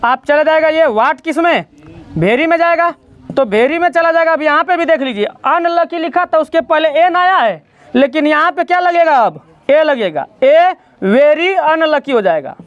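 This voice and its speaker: A man's voice: extremely high pitch, expressive, moderate pace. A man teaching a grammar lesson in a classroom, explaining step by step and quizzing his students as he goes. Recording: dull lo-fi sound.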